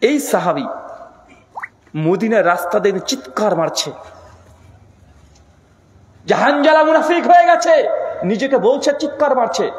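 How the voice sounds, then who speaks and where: High-voiced man preaching in an echoey hall. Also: animated, a little slow, long pauses. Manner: dramatic, rising to shouts at peaks. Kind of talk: storytelling sermon. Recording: echoey hall with long reverb.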